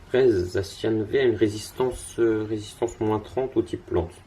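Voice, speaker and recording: A man's voice: fairly low pitch, unhurried, warm tone, a little hiss or hum. A young man casually commenting on his card game as he plays, thinking aloud with lots of fillers and restarts, tired and yawning.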